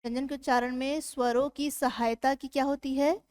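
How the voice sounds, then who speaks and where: A woman teaching a grammar lesson for exam preparation, asking her students questions and answering them herself, sounding out letters slowly. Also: high-pitched, steady tone, darkish tone, clean tone, no room sound, clean studio sound.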